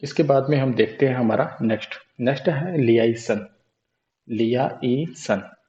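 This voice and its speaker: A man with an Indian accent teaching a vocabulary lesson, repeating mnemonic phrases slowly to drill them in. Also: mid-range voice, warm tone, muffled recording. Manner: slow repetitive drilling of mnemonics.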